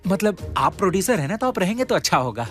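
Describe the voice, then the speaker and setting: An eager young scriptwriter, played by a man, fairly high and very lively in pitch, polite and keen. Strong music runs behind him. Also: fast. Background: background music.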